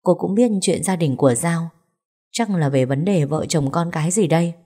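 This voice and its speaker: A woman narrating a story for an audiobook channel with a steady, even storytelling read. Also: deep voice, normal speed, breathy edge.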